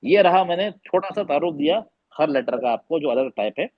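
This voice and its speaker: A man's voice: fairly high pitch, expressive, moderate pace, muffled recording. A man teaching Quran recitation in an online class, patiently repeating letter sounds for students to echo.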